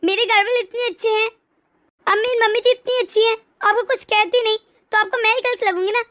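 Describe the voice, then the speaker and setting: A spoiled, tearful young bride in an animated family story, voiced by a woman. Her very high, bright voice sobs and whines as she complains. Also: brisk. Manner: sobbing, whiny.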